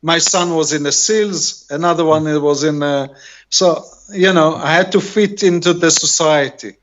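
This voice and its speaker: Speaking a little high and fairly bright, this middle-aged man from Israel has an Israeli accent and Hebrew as his native tongue. As a casual interview guest on a video call, he halts and rambles while hunting for words. The lo-fi call audio sounds dull, with slight background noise.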